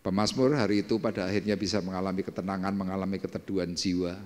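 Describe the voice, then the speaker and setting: A male pastor preaching a sermon and telling a story dramatically, swinging between hushed and emphatic lines. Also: deep voice, flat delivery, fast. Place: church service hall. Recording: echoey church hall with faint music.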